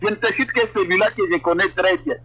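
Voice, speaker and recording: A man's voice: fast talker, husky, no echo, rough recording. A man from eastern Congo giving an interview, speaking emphatically and repeating words as he argues. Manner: emphatic, repeats words, animated pitch jumps. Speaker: interview guest. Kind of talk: political interview, casual.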